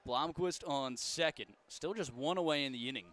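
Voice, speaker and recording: A man calling baseball play-by-play in a folksy, joking way, and he gets loud when the big plays come. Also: fairly high pitch, moderate pace. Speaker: play-by-play announcer.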